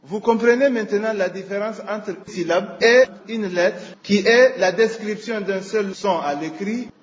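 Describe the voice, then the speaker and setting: A man with a high voice leads a scripted radio lesson, taking each word slowly and with care. His voice rings through an echoey hall with a long reverb tail. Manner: slow, deliberate teaching delivery.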